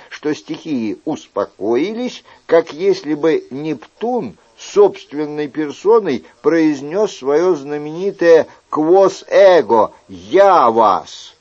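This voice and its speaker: A man narrating an audiobook as an expressive storyteller. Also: fairly high pitch, slow, hardly any pauses, lo-fi sound.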